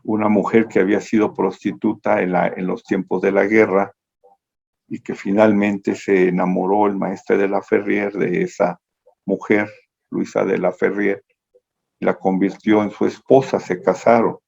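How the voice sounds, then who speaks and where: A man lectures slowly over a video call, his low, gravelly voice drifting through a meandering story. He corrects himself as he goes. The call audio is dull and lo-fi. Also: little pitch movement, darkish tone.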